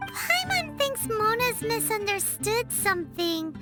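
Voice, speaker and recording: Casting: tiny naive fairy companion, extremely high squeaky child voice, excitable and bouncy, anime game. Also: female voice, takes it slowly, exaggerated voice. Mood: concerned, puzzled. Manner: speaks of self in third person, exclaiming. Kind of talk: anime video game voice acting. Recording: background music.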